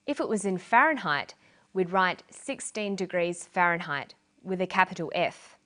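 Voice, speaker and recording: A woman reads a scripted English lesson. She speaks slowly and clearly, stressing key syllables so learners can follow. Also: fairly low pitch, bright, forceful tone. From Australia. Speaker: English teacher. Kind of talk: scripted language lesson narration.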